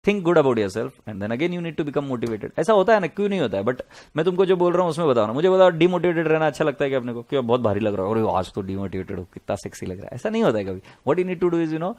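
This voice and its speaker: A man's voice: a little high, a little mellow. Chatty, joking male lecturer. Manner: chatty, joking, mixes Hindi and English. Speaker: accounts lecturer. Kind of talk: casual classroom lecture with storytelling. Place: classroom with students.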